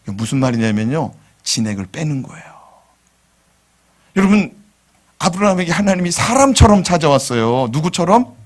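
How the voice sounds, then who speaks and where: Male pastor, sermon, animated, questions to congregation, church, slightly high voice. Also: normal speed, long pauses. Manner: animated, asks the congregation questions, drops to whispers.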